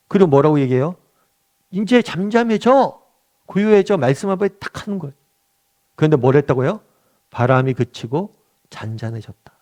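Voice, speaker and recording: A man's voice: sits high, a little mellow. A middle-aged male pastor leading a weekly Bible study, talking conversationally, asking the group questions and acting out quotes. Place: church meeting room.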